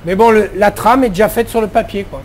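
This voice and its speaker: A middle-aged man with a fairly high voice talks casually about his work as a head chef. He answers in loose, chatty sentences full of fillers and restarts, with faint noise in the background. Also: fairly quick, darkish tone.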